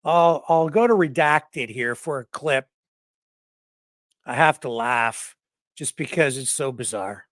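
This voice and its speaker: A man's voice: mid-range voice, animated, slow pace, pauses often, fairly bright tone, dry recording, studio quality. A man hosting a casual news livestream, rambling and chuckling while he searches for clips.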